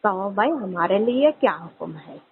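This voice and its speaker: A man's voice: sits high, expressive, normal speed, phone-quality sound, a little hiss or hum. A man voicing a humble, reverent angel. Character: humble male angel addressing his master.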